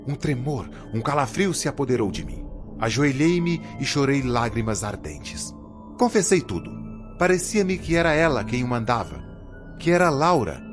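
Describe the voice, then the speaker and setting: A man narrating a dark audiobook in an expressive storytelling voice over background music. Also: mid-range voice.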